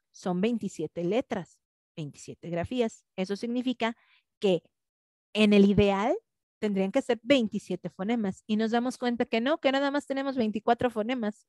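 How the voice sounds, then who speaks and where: A woman's voice: medium pitch, normal speed, a little mellow, no room sound. Woman teacher explaining stuff, dry close sound, keeps tossing in little questions. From Mexico. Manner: conversational, frequent tag questions. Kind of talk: online class lecture.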